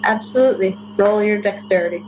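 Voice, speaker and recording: A woman acting as game master, narrating a tabletop game in a measured, descriptive way. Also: medium pitch, noisy background.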